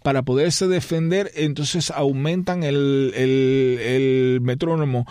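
A man's voice: mid-range voice, fairly even intonation, takes it slowly, a little mellow, dry recording, clean studio sound. A man speaking as a pianist guest in an interview. He hesitates, restarts often, and hums out rhythms with syllables to explain how music should sound. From Spain. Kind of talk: conversational interview.

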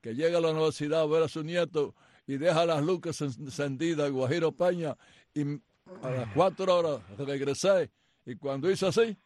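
A man's voice: fairly high pitch, normal speed, darkish tone, no echo. An older man co-hosting a sports radio show, telling rambling anecdotes in casual banter from the studio. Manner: chatty storyteller, rambling anecdotes.

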